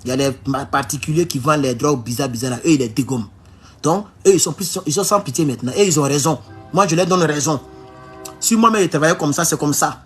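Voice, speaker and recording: A man from Côte d'Ivoire, with an Ivorian French accent and a slightly high, fast, somewhat bright voice, tells a personal story as a political vlogger in a casual monologue. He emphatically warns his audience, slipping in English phrases, over soft background music.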